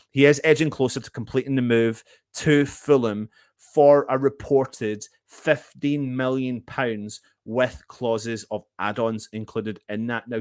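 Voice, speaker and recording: A man's voice: medium pitch, no echo. A man hosts a football fan live show, chatting casually and chummily with viewers and commenting on club news. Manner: chummy, greets viewers as mate.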